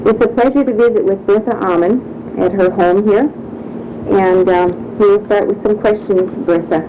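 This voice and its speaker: A woman volunteer interviewer asking gentle prompting questions with soft fillers. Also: mid-range voice, fairly even intonation, normal speed. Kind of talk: oral history interview. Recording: muffled lo-fi with hiss.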